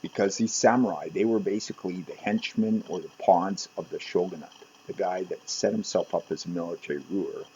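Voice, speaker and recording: A man hosting his own channel, talking in a halting, casual monologue full of fillers and restarts. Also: deep voice, dark tone. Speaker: author and channel host. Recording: dull lo-fi with faint background noise.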